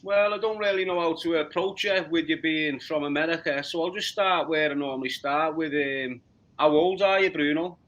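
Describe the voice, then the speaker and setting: Liverpool man in his forties, podcast interviewer, a bit high, stumbling questions. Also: normal speed, a bit bright, dull audio. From Liverpool, England. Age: 40s. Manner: repeats words, stumbles into questions. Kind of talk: casual interview.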